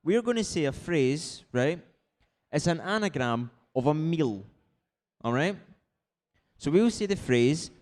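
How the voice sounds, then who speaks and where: A man's voice: fairly high pitch, lively intonation, unhurried, a little mellow. A man hosting a live quiz in a casual way, explaining things informally with frequent check-in tags. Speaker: quiz host.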